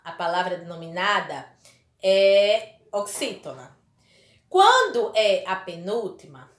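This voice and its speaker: In an echoey room, a woman from Brazil with a medium-pitched, slightly bright voice gives a primary school lesson. Her tone toward the children is warm and emphatic, and she stretches important words out as she goes in this recorded classroom session.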